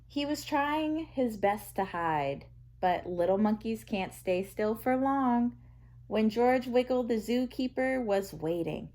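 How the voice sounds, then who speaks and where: Reading a children's picture book out loud, a woman with a slightly high voice narrates in a deliberate, expressive storytelling style.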